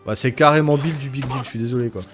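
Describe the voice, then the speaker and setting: A man's voice: mid-range voice, steady tone, fast talker, over music. A man hosting a video game let's play, rambling and swearing playfully as he keeps interrupting himself mid-sentence. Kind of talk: casual gameplay commentary.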